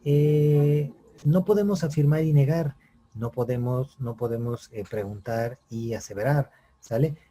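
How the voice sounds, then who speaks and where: A man's voice: mid-range voice, unhurried, dark tone. A man teaching a writing class, explaining step by step and checking in often with his students. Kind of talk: online class lecture.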